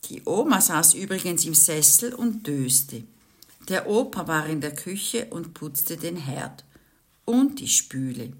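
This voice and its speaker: A woman reading a children's book aloud in a lively way, with chatty asides to young listeners. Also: sits low, takes it slowly. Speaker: storyteller.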